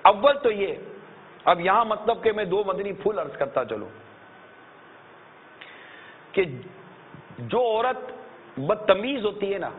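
A man preaches with a high, lively voice, breaking into acted-out scolding and earnest appeals. The recording is thin and tinny, like a phone line. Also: long pauses. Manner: animated, acts out shouting parents, earnest pleading. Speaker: religious preacher. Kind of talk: sermon. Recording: tinny narrow-band lecture recording.

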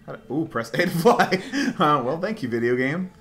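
A man's voice: on the high side, animated, normal speed. Young man chatting while gaming. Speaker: video game let's player. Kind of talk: casual chat while playing. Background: faint game music.

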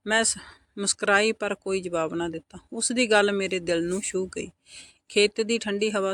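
A woman with a Punjabi accent narrating a first-person story in a soft, intimate scripted delivery. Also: fairly low pitch, dry recording.

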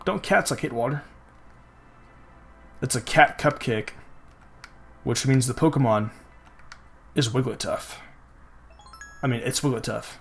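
A man's voice: mid-range voice, measured pace, creaky, long pauses, a bit bright. A young man hosting a video game let's play, talking in a loose, rambling way with constant "like" and plenty of swearing. Faint game music plays in the background. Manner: rambling and profane, heavy use of "like". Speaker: gaming channel host.

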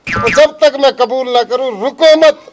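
A man's voice: very high voice, unhurried. A man playing a bossy, corrupt village police inspector in a comedy sketch. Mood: demanding. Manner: bossy, blustering.

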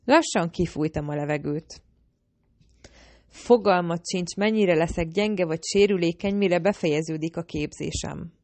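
Egy nő, aki élénken, kifejezően olvas fel egy hangoskönyvet egyes szám első személyben. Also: female voice, fairly low pitch, darkish tone, no echo. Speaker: audiobook narrator. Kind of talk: first-person audiobook narration.

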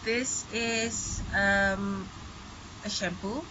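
A woman's voice: mid-range voice, steady tone, extremely slow, sharp tone. A middle-aged woman chatting casually about products as a vlogger, raising her voice in heavy rain. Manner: raised voice to talk over heavy rain. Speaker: beauty vlogger. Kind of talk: casual product review chat. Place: small bedroom at home. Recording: dull, noisy audio with heavy rain. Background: heavy rain outside.

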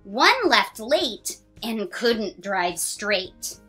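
With soft music behind her, a woman in her thirties reads a children's picture book in a mid-range voice. She keeps it sing-song and expressive, lingering on lines and counting as she goes.

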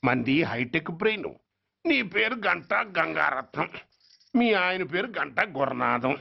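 A man's voice: on the high side, sing-song, moderate pace, creaky, heavily acted. An actor playing a cheeky male hustler who pleads in a theatrical, sing-song way, from a dull lo-fi film soundtrack. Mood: smug.

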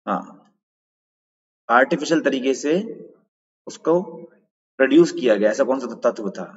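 A man with an expressive, slightly rough, medium-pitched voice leads a live online quiz at a measured pace, explaining answers one step at a time. He welcomes viewers in chat and asks them to answer, over a dull, lo-fi recording with long reverb.

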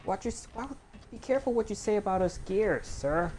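A man's voice: high-pitched, expressive, brisk, a little mellow. A young man giving casual let's play commentary, talking back to the game's characters. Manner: talks back to game characters. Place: indoor room at home. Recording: faint noise, game audio behind.

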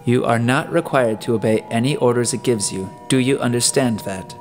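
A man's voice: medium pitch, normal speed, faint music behind, lightly acted. A man playing a suspicious male detective who questions and gives orders bluntly. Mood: commanding suspicious. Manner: blunt, commanding, probing.

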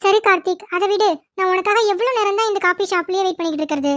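A woman's voice: very high voice, very fast, fairly bright tone. A woman voicing a fretful, jealous young girlfriend in a cartoon, speaking in a worried, coaxing way.

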